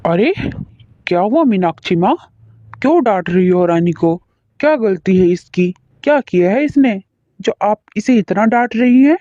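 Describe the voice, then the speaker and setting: A woman's voice: medium pitch, expressive, moderate pace, mellow, no echo, highs cut off, pitched below the performer's own voice, lightly acted. A woman voicing a kind, protective young brother in a cartoon story, speaking earnestly.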